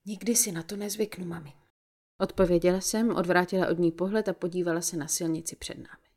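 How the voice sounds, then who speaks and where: A woman reading a first-person novel aloud in a measured storytelling voice with a dry, ironic edge. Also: lowish voice, steady tone, darkish tone. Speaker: audiobook narrator.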